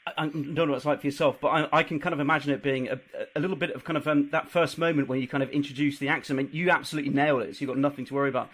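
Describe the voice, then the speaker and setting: Fast-talking male interviewer. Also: on the high side, steady tone, a bit bright. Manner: rambling, hedging questions with fillers. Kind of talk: casual interview questions.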